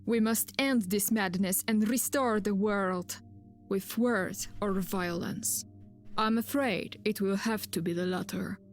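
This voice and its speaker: A woman narrating the opening of a game in a slow, grave, scripted delivery. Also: mid-range voice, soft background music.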